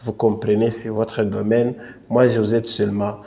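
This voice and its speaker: A man's voice: lowish voice, little pitch movement, normal speed, vocal fry, a little mellow. A man with a Congolese French accent giving a patient, repetitive teaching tutorial, often tagging phrases with "n'est-ce pas" and apologising for his English. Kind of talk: instructional screen tutorial.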